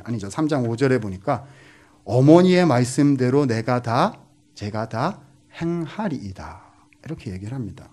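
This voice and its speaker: A middle-aged man preaching with a pitch that swings widely, rising and falling as he tells the story. He jumps into the voices of the Bible figures and keeps turning to the congregation with questions. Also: darkish tone. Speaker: professor preaching as guest. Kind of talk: lively sermon.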